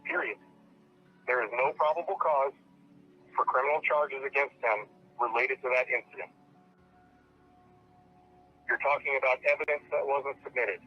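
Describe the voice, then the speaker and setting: A man's voice: medium pitch, moderate pace, pauses often. A man, a police sergeant, leaving a firm, stern voicemail message heard over a phone line, repeating his points. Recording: muffled voicemail phone audio with faint hiss.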